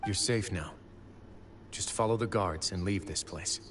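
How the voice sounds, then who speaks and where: In an anime game, a low-pitched male voice plays a stern, protective prison warden who stays composed and speaks with measured deliberation. His mood is calm and assured, and there is some background noise in the clip.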